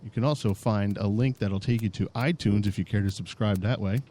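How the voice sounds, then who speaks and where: A man's voice: fairly low pitch, fairly quick, dark tone. A man co-hosting a podcast, chatting in a rambling, laid-back, joking way. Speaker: podcast co-host. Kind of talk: casual chat.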